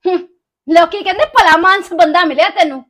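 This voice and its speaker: A woman's voice: extremely high pitch, expressive, brisk, a bit bright. A woman with a Punjabi accent playing a nagging wife in a scripted comedy sketch, scolding her husband.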